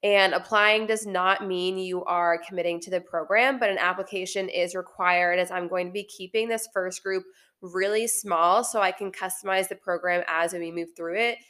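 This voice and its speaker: On her health podcast, a naturopathic doctor explains things casually and warmly, her voice slightly congested since she's getting over an illness. She speaks at a normal speed in a low-leaning, steady, a bit bright voice.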